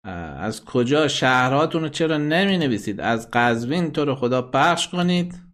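A man's voice: medium pitch, expressive, a bit bright, slight background noise. A man hosting a satellite call-in program, playing listener messages and bluntly scolding and insulting critics.

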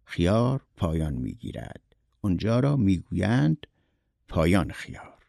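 A man's voice: deep voice, big pitch swings, gravelly, mellow, no room sound, studio quality, exaggerated voice. A man voicing a blunt, philosophical male friend who lectures. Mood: lecturing.

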